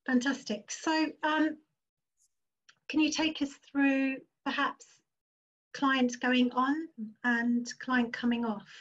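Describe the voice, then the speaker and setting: High-pitched woman host, dull lo-fi sound. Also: little pitch movement, slow pace, a bit bright. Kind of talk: conversational hosting of a demonstration.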